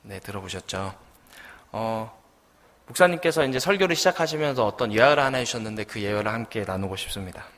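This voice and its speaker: Storytelling young preacher in a reverberant church. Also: male voice, on the low side, lively intonation, brisk, fairly bright tone, a little hiss or hum. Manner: storytelling, asks the congregation questions. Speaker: junior pastor. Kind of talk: sermon. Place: church sanctuary. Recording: long church hall reverb.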